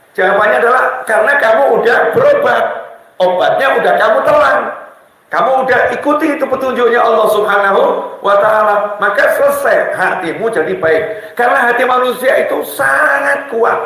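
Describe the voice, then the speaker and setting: A man with a high voice preaches a sermon in a lively storytelling way, acting out the people in his stories. His voice rings through a very echoey hall.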